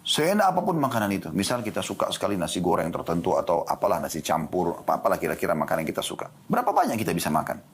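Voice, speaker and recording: A husky-voiced man preaches Islam in a studio, his low tone racing along with hardly a pause. Lively throughout, he asks the audience rhetorical questions and answers each one.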